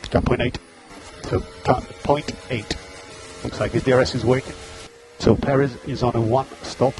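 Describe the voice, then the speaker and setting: A man's voice: mid-range voice, fairly even intonation, normal speed, background noise. A man working as race engineer, giving terse, clipped pit radio calls over a team radio link, repeating gaps and status updates. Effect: team radio transmission.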